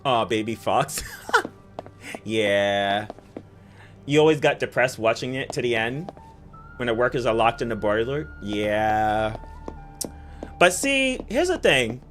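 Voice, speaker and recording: A gaming streamer chatting casually while playing, telling stories excitedly and talking to the chat. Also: medium pitch, unhurried, pauses often, soft background music. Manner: excitable, giggly storytelling, talks to chat.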